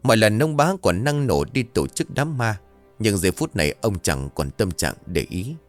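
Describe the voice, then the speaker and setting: A man narrating a ghost story in a dramatic, expressive storytelling manner. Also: lowish voice, moderate pace, faint music behind.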